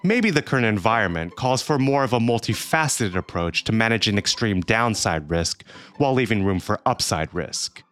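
A man's voice: lowish voice, expressive, moderate pace, fairly bright tone, faint music behind. A man hosting a podcast with scripted narration. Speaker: podcast host.

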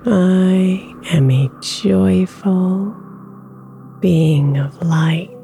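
A woman guiding a sleep meditation with affirmations, speaking softly and slipping into whispers, over soft music in the background. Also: fairly low pitch, gravelly. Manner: slow, soft-spoken, drifting into whispers. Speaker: meditation guide.

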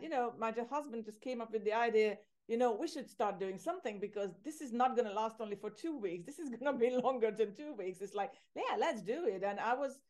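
Middle-aged woman from Hungary; relaxed, chatty guest who laughs and loops back mid-sentence. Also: on the high side. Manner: chatty, laughs easily, often restarts phrases. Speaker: podcast guest, agency owner. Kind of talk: casual interview conversation.

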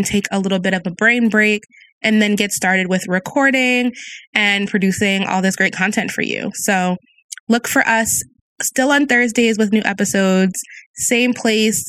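A woman hosts her own solo podcast in a friendly, chatty, conversational way, reading listener reviews aloud. Her voice is mid-range, a bit bright, and soothing, with a slight speech impediment, and the recording is dry.

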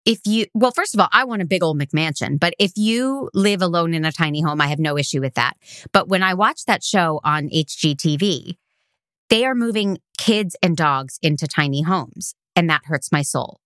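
A woman's voice: fairly low pitch, animated, normal speed, fairly bright tone, no room sound, clean studio sound. An American woman co-hosting a podcast in casual chat, teasing and firm in her opinions. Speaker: podcast co-host.

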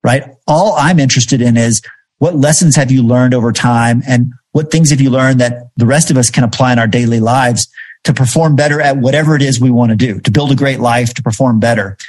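A man's voice: mid-range voice, a little fast, a little mellow. A man in a podcast interview, telling a story in a reflective way with frequent fillers. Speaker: podcast host and guest. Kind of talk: conversational storytelling.

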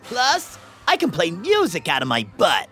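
A woman's voice: on the low side, huge pitch swings, a little slow, over music. A woman voicing a small, sassy, boastful alien creature in a children's audio story.

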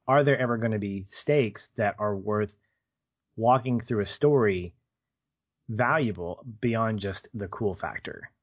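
A man talks about films as a podcast co-host, in a conversational and reflective way. He builds points through rhetorical questions. His voice sits somewhat low, and the recording is a little dull. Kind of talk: conversational film discussion.

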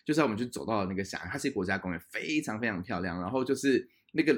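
A young man co-hosting a podcast, telling a travel story in a lively way, laughing often and dropping in English words. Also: on the low side, rapid-fire. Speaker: podcast co-host. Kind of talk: casual chat, storytelling.

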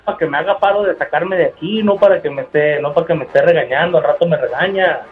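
A man's voice: fairly high pitch, fast talker, faint music behind. Dude begging his mom on a radio prank call, muffled lo-fi sound. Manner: pleading, playing along sheepishly. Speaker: radio listener caller. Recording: dull lo-fi phone sound.

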